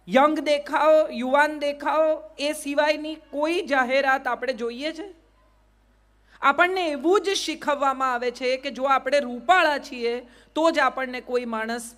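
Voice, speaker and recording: High-voiced woman speaker. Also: a bit bright. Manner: questions the crowd and asks them to answer yes or no. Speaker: motivational speaker. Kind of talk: motivational talk to a live audience.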